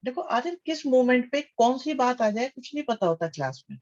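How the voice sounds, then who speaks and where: A man's voice: extremely high pitch, big pitch swings, a little fast, darkish tone, lo-fi sound. A man teaching maths in a live online class. He calls students "beta," reads out their names, praises their answers and repeats his questions back to them.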